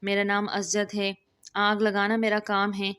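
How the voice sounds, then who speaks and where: A woman's voice: mid-range voice, completely flat delivery, fairly bright tone, clear, resonant tone, natural voice. A woman reading as a cheeky young village man. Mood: teasing. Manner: teasing, cheeky.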